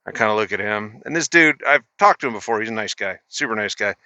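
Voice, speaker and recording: A man's voice: lowish voice, expressive, quick pace, pushed and bright, no room sound. A middle-aged man, a truck driver, casually telling a story in a laid-back, profane, rambling way with restarts.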